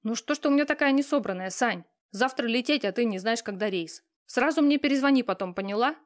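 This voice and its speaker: A woman's voice: fairly high pitch, expressive, fast talker, pitched above the performer's own voice, lightly acted. A woman reading an audiobook, voicing a busy middle-aged mother who is curt and businesslike on the phone. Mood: pushy.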